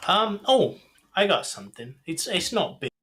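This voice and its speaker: A man with a fairly high voice trades jokes and banter as co-host of a casual podcast. He laughs easily, curses freely and keeps the talk loose. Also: big pitch swings, moderate pace, fairly bright tone, slightly rough. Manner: jokey, laughs often, swears.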